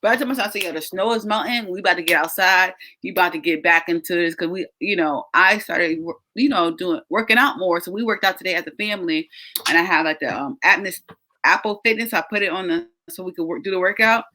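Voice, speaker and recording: Laughing, bright-voiced woman host. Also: lowish voice, fast. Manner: animated storyteller, laughs often. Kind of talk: casual chat.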